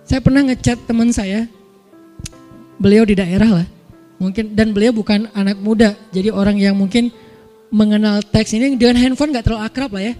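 A man's voice: high voice, fairly even intonation, normal speed, mellow, faint music behind. A man preaching in a casual, chatty way, acting out everyday examples for his listeners. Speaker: Islamic preacher. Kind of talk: casual religious lecture.

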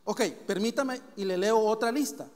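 High-voiced pastor in a reverberant hall. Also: male voice, moderate pace, a little mellow. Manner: reads long scripture lists, questions the congregation directly. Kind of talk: sermon.

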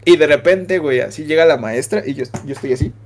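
A young man with a Mexican accent, a podcast host telling an excitable, slang-heavy story and laughing often. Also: fairly high pitch, fast talker, slight background noise. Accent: Mexican Spanish. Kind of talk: casual storytelling chat.

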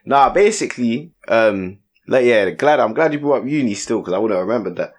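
A man's voice: medium pitch, expressive, a little fast, slight background noise. A young man with a London accent telling a story in casual chat, heavy on street slang and tag questions. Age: young adult.

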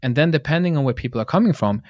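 Fast-talking man, dry close sound. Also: fairly high pitch, no echo. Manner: quick, animated, chatty advice-giving. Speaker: podcast host. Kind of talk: casual podcast interview.

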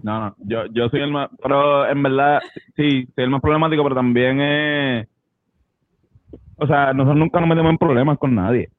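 A man's voice: mid-range voice, moderate pace, narrow, tinny audio. Laughing, swearing man. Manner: loose, swearing, laughing often. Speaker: band member guest. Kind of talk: casual interview chat.

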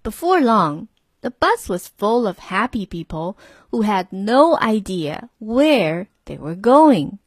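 A woman reading a children's picture book aloud, slowly and gently, lifting her voice for the characters. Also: mid-range voice, sing-song, breathy edge, no echo. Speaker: storyteller.

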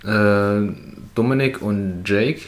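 Young guy with a lowish voice, hesitant, lots of ums, casual chat with an old friend from home. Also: takes it slowly. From Germany. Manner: hesitant, many fillers and restarts.

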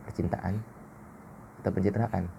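A man's voice: low-pitched, fairly even intonation, measured pace, gravelly, mellow, slight background noise. A man hosting a casual solo podcast, blunt, slangy and self-mocking. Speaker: podcast host.

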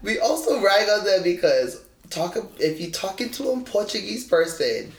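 Animated Hawaiian woman, echoey room. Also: mid-range voice, normal speed, a little hiss or hum. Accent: Hawaiian local. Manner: animated, colloquial, teasing. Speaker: podcast co-host. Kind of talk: casual chat. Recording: roomy echo.

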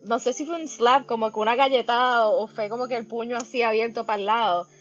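A woman co-hosting a casual anime chat, animated and careful about spoilers. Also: on the high side, quick pace, lo-fi sound, soft background music. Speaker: podcast co-host.

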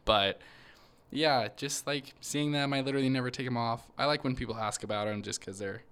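A man's voice: mid-range voice, brisk, a bit bright, clear, resonant tone. A young man co-hosting a podcast in casual chat, rambling with lots of fillers. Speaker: podcast co-host.

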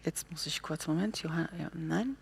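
A woman preaching a sermon, telling stories and acting out the people she quotes with lively pauses and hesitations. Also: deep voice, creaky, slight background noise. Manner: lively storytelling, animated quoting of others, with pauses and hesitations.

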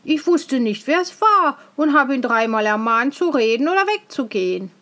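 A woman's voice: high-pitched, animated, fairly bright tone. A woman voicing a naive, fearless young peasant boy in a fairy tale reading, speaking eagerly and earnestly. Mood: innocent. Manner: eager, earnest, slow and wondering. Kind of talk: storybook reading.

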